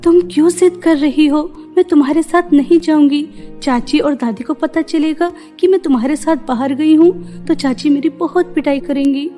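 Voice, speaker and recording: A gentle, bullied girl from a cartoon story speaks softly through tears, as a woman voices her. Her voice is very high, with faint music in the background. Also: moderate pace, close to an everyday voice. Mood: timid. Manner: soft, tearful, self-pitying. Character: sad, gentle teenage girl, bullied and meek.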